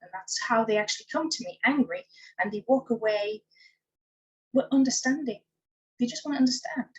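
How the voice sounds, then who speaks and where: A woman's voice: on the high side, lively intonation, moderate pace, husky, low-quality recording. A woman life coach answering interview questions, telling stories by acting out what she said to her clients. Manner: tells stories by acting out her own past dialogue.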